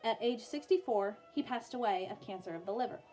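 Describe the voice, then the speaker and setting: A young adult woman reads a biography to her pupils, speaking informally and adding asides. As their music teacher, she regularly breaks off to soothe a small child. Her mid-range voice sounds expressive and mellow at a fairly quick pace.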